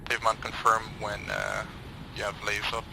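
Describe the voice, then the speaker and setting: A man speaking in terse, matter-of-fact military radio chatter as a helicopter pilot in a simulation game, with a gravelly voice. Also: on the low side, completely flat delivery, normal speed. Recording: noisy game radio with vehicle sound.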